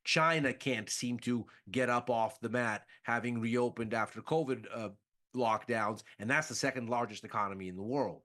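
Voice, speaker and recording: A man's voice: mid-range voice, normal speed, fairly bright tone. A man explaining a market outlook methodically, posing rhetorical questions as he walks through the numbers. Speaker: market analyst.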